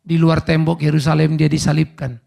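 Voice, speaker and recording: Middle-aged male pastor, lively sermon delivery with gravelly high tone. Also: brisk. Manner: animated preaching, acts out everyday dialogues. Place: church service.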